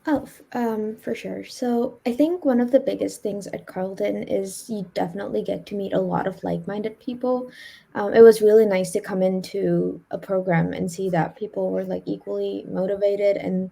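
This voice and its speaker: A young woman from India speaks as a student panelist, her voice husky with a gravelly edge. She talks quickly and casually, leaning on fillers. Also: medium pitch, fairly even intonation, warm tone. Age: young adult.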